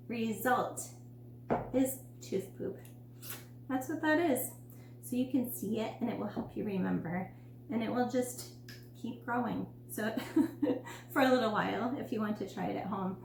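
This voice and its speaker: A woman's voice: a little high, gravelly, darkish tone. A woman reading a picture book aloud to children and chatting casually as a dental educator. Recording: roomy room with faint hum.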